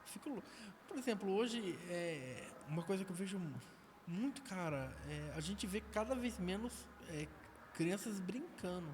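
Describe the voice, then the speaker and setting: A man's voice: high voice, expressive, moderate pace. A man with a Brazilian accent, a podcast guest telling stories from his life in a slangy, darkly humorous way. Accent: Brazilian Portuguese. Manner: storytelling, slangy, dark humor. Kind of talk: casual testimony and chat. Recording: noisy recording.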